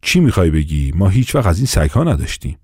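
A man's voice: low voice, sing-song, darkish tone, husky, no echo, studio quality, heavily acted. A man doing a plain-spoken old cook. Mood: matter-of-fact. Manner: plain, matter-of-fact.

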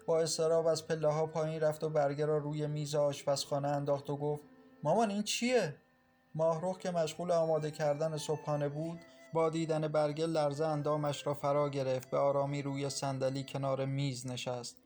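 A male narrator reads a dramatic story at a measured, sorrowful pace. His voice sits a little high for a man, with soft instrumental music playing faintly behind. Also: flat delivery. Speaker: audiobook narrator.

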